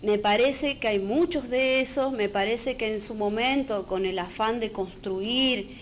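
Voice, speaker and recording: A woman's voice: fairly high pitch, measured pace. A woman with an Argentine Spanish accent, a guest on a political talk show, speaking firmly and earnestly. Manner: firm, earnest, uses fillers. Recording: faint background noise.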